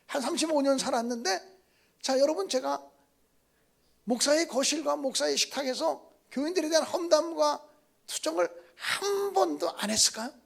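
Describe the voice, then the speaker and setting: Older guy pastor preaching in church, tells stories, asks the crowd questions, gravelly high voice. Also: normal speed. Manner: animated, asks the congregation questions, acts out quotes. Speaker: guest pastor. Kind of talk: storytelling revival sermon. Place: church sanctuary.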